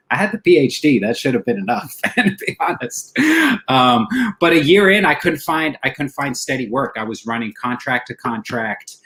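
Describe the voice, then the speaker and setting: A man's voice: mid-range voice, sharp tone, poor audio. Middle East-born male comedian, forties, loose rambling interview talk. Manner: rambling, repeats himself, says man a lot. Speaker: comedian guest. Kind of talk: casual interview chat.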